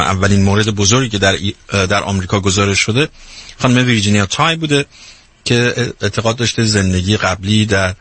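Husky man hosting a talk. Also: on the low side, a bit bright. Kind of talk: interview questioning.

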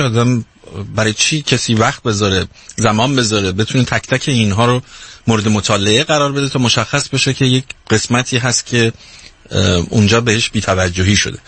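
A man's voice: medium pitch, fairly bright tone, slightly rough, dry recording. A man hosting an interview, asking reflective questions and often searching for his words.

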